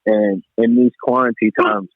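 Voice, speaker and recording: As a podcast guest, a man chats informally about music in a medium-pitched, flat voice at normal speed, repeating phrases to stress his points. The audio has no room sound but comes through a tinny, phone-like connection.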